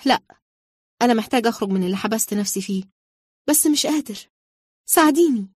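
A woman's voice: mid-range voice, fairly even intonation, racing, a little mellow, breathy edge, dry recording, clean studio sound, close to an everyday voice. A woman voicing a restless young man who banters playfully and defensively, reading a storybook role. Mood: pleading.

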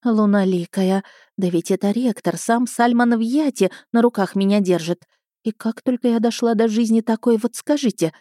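A woman's voice: on the high side, moderate pace, warm tone, no echo, clean studio sound, voice pushed up, natural voice. A woman voicing an emotional young female magic student who pleads in a tearful, breathless way. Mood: bewildered.

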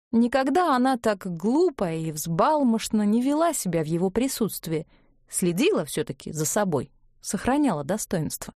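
A woman narrates an audiobook in a calm, measured way. Her voice is warm and mellow, with an even middle pitch, recorded close and dry with no room sound. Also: dry recording.

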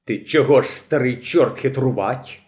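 A man's voice: medium pitch, moderate pace, darkish tone, lightly acted. A man reading aloud and voicing a cruel male bandit chief in a storybook reading. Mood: menacing.

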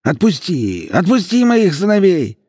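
A man voicing a jealous, lame, middle-aged clan head who shouts and blusters in a husky voice. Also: mid-range voice, lively intonation, normal speed, no room sound, studio quality, voice pushed up. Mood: panicked.

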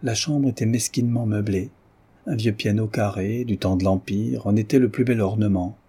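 A man narrating a novel as an audiobook, in a measured and solemn manner. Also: on the low side, mellow, breathy edge.

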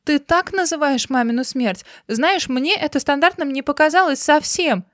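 Woman doing a crying thin young woman, high pleading voice, dry close sound. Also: fast talker, a little mellow, no echo, close to an everyday voice. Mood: distraught. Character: frail tearful young woman.

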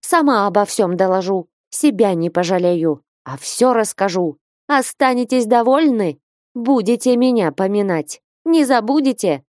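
A woman voicing a jealous young woman who shouts in high, defiant outbursts. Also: expressive, a little slow, dry recording, studio quality, close to an everyday voice. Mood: furious shouting.

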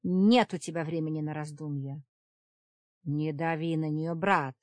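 A cautious male werewolf brother, as a woman narrator voices him in an audiobook. He speaks firm and measured in a lowish voice. The recording is close and dry. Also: steady tone, darkish tone, dry recording. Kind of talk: audiobook character reading.

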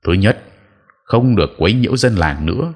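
A man voicing a stern old male exorcist who gives formal commands in a low voice. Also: expressive, moderate pace, breathy edge.

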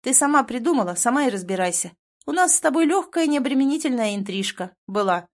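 A woman's voice: sits high, expressive, quick pace, pitched above the performer's own voice. A woman voicing a blunt, irritated young man in an audiobook, speaking in a curt, exasperated way. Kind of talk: audiobook character voice.

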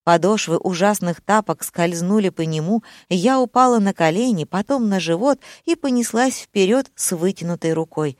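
A woman's voice: mid-range voice, expressive, normal speed, hardly any pauses, a little mellow, no room sound, studio quality. A woman narrating an audiobook in a wry, ironic first-person voice.

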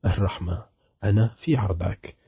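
A man with a deep, husky voice reading the lines of a terrified young lover begging for mercy in a storybook. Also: moderate pace, muffled recording. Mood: pleading. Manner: trembling, begging.

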